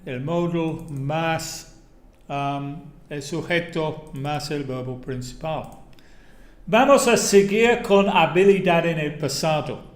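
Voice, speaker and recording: An Englishman teaches his native English in careful, unhurried Spanish. He drills each example phrase aloud, one by one, in a slightly high voice. The room around him rings with echo. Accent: English, speaking Spanish as a second language. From England. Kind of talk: live online language lesson.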